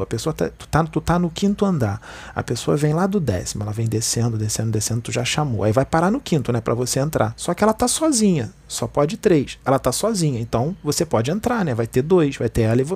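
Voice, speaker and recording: A man's voice: mid-range voice, gravelly, a little mellow, husky. A man with a Brazilian Portuguese accent giving an informal spiritual talk, conversational and constantly checking in with his listeners. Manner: conversational, tags lines with "né" and "tá", addresses listeners as "gente". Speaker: spiritual speaker.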